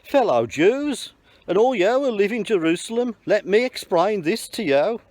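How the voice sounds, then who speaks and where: A man's voice: high-pitched, very animated, moderate pace, a little mellow, no echo, voice pushed up. A man reading Peter, a bold apostle. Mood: earnest. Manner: earnest proclaiming, with small slips. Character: Peter, bold male apostle addressing a crowd. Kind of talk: church Bible reading in parts.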